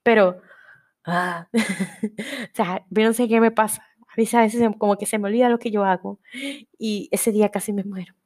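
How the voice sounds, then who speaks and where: A woman's voice: mid-range voice, fairly even intonation, normal speed, long pauses, a little mellow. A young woman with a Panamanian accent hosting a casual solo podcast, chatty and rambling, often cutting herself off mid-word. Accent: Panamanian Spanish. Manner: rambling, chatty, self-interrupting. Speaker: podcast host.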